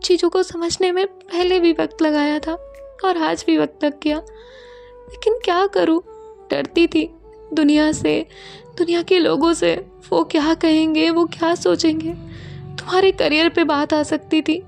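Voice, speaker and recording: A woman doing a soft-spoken tender young woman. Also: very high-pitched, fairly even intonation, measured pace, gravelly, soft background music, voice pushed up, exaggerated voice. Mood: earnest. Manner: soft, hushed, half-whispered. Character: young woman, tender, soothing her lover.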